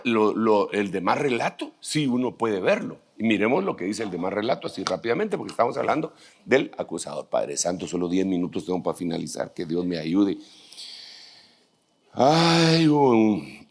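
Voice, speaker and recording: A man, teaching pastors in a conversational sermon, reading scripture aloud and adding joking asides. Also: on the low side.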